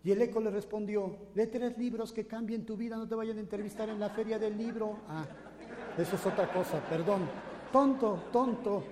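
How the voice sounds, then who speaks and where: A man's voice: high-pitched, steady tone, fairly quick, a crowd in the background. Mexican man lecturing in an echoey hall. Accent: Mexican Spanish. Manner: theatrical, acts out voices and echoes, jokes with the audience. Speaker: motivational sales speaker. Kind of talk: live motivational lecture.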